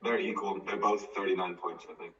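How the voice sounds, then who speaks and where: A man's voice: sits low, fairly even intonation, a little fast, a bit bright. Teenage guy, distant and roomy. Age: late teens. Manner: chatty, laughs often, teasing. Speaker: co-host. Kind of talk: casual chat. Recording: roomy, distant, dull sound.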